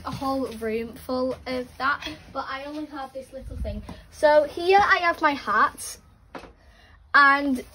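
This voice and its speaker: A bubbly young woman with a high voice shows her side of the tack room. She talks quickly, peppering her lines with "like." Faint noise sits under the phone recording. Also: a bit bright, low-quality recording. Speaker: co-vlogger showing her half of the barn. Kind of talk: casual barn tour. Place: outdoor horse barn and stables. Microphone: phone camera held nearby.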